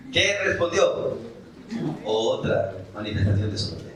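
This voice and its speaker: A male pastor preaching a sermon, animated, asking the congregation questions and acting out short dialogues. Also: lowish voice, takes it slowly, echoey room, crowd noise, low-quality recording. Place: church.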